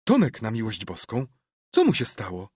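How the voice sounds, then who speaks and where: A man voicing a stern but soft-hearted elderly aunt who scolds her nephew in an audiobook. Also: fairly low pitch, wildly swooping pitch, moderate pace, slightly rough, no echo, studio quality, exaggerated voice. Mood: suspicious. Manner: scolding, suspicious.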